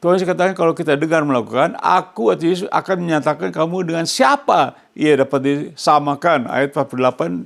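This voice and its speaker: Male pastor, gravelly and fairly high; asks the congregation questions and rises sharply on quoted lines. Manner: asks the congregation questions and answers them himself, rising loud on quoted words. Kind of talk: sermon.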